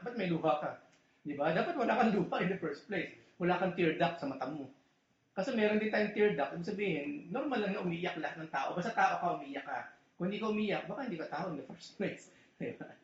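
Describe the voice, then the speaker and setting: In a church hall, a man with a slightly high, animated voice preaches a casual sermon at a quick pace. He's chatty and full of jokes, often asking his listeners "di ba?", and the recording is echoey and muffled.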